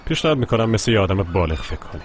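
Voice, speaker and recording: A stern, fussy young boss. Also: male voice, fairly low pitch, very animated, a little hiss or hum. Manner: curt and commanding. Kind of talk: dubbed film dialogue.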